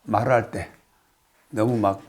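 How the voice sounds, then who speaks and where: Older Korean monk explaining a text. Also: male voice, on the low side, steady tone, a little mellow. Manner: explains slowly, reciting phrases then paraphrasing, with frequent hesitations. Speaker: Buddhist monk teaching a text. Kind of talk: casual spoken lecture on a classical text.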